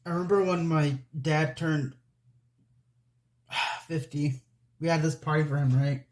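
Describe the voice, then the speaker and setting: A man's voice: on the high side, steady tone, a little slow. A man in his late twenties chatting casually while building a model set, rambling, laughing at himself, breathing audibly into the mic. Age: 20s. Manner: rambling, self-deprecating, laughs often; soft, breathy close-mic talk. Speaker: Lego building vlogger.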